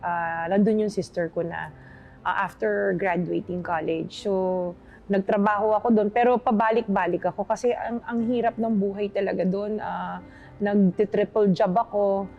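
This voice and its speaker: A woman in her forties, raised in the Philippines and the UK, answering interview questions politely and telling her story softly. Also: mid-range voice, fairly even intonation, normal speed, creaky, highs cut off. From Philippines, raised partly in the UK. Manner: polite, soft-spoken storytelling with respectful replies. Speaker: interview guest. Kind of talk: casual chat interview.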